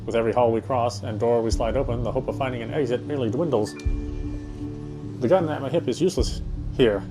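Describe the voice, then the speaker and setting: Over game music, a man reads out the story of a horror game as dramatic narration, sometimes tripping over phrases and going back to reread them. He has a medium-pitched voice and speaks fairly quickly.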